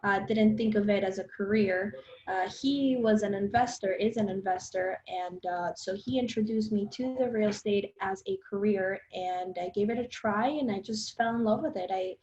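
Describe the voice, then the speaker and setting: A young woman from Colombia speaks as a podcast guest, earnest and quick, her phrases strung together with fillers. The sound is roomy and somewhat dull, as if recorded in a bare room on a modest mic. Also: medium pitch, a little mellow. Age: 20s. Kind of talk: casual interview chat.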